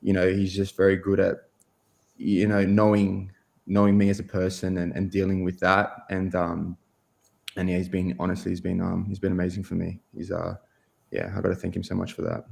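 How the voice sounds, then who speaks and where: A young man, answering interview questions in a halting way, full of fillers and restarts. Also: sits low, monotone, vocal fry, darkish tone. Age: 20s. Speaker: guest goalkeeper.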